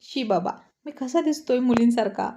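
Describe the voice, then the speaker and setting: A grumpy, stubborn young husband who snaps and grumbles, as a woman narrator puts him on. The voice is warm and mellow, a storybook figure rather than a gruff one. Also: on the high side, normal speed, lightly acted. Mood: irritated. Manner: grumbling, snapping and scolding. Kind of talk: storybook voice acting.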